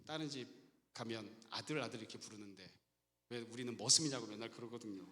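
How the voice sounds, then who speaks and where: A man's voice: lowish voice, fast, pushed and bright. A middle-aged man preaching a sermon as pastor, stressing points and asking rhetorical questions. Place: church sanctuary. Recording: reverberant church hall.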